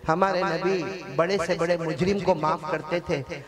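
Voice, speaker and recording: A man's voice: fairly high pitch, steady tone, a little slow. A male preacher giving an impassioned live sermon, telling a story and calling on the audience to answer. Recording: live gathering with crowd noise.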